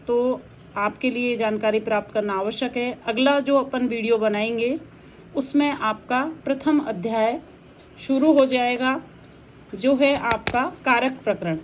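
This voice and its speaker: A woman teacher talks through grammar rules at an unhurried, deliberate pace, setting out one example after another. Her voice sits a little high. A faint hiss runs under the recording. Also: low-quality recording. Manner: slow, methodical explanation of rules with examples. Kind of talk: recorded lecture.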